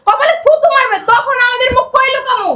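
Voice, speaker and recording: A woman's voice: very high voice, fairly quick, pushed and bright. A middle-aged woman playing a haughty rich mother who scolds with mocking questions. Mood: scornful. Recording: echoey room.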